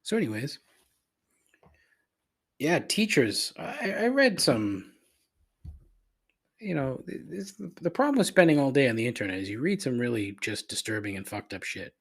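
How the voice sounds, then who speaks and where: A congested, slightly nasal man hosts a solo podcast on a cheap desk microphone in a cavernous, echoey room, rambling and poking fun at himself with many fillers and restarts. His husky, medium-pitched voice is fairly bright and very animated, at a moderate pace with long pauses.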